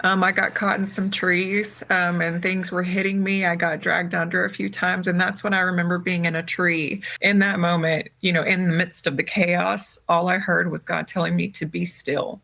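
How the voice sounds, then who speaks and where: A woman, grieving and close to tears, speaking slowly and haltingly in an emotional interview. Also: lowish voice, flat delivery, sharp tone. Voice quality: gravelly, husky. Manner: slow, halting, faith-filled testimony. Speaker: interviewee, bereaved mother.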